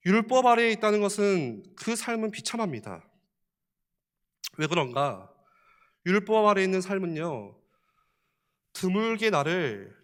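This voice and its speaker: Preaching in a church, this male pastor has a high voice and a chatty, conversational style, firing many questions at the congregation and laughing softly often.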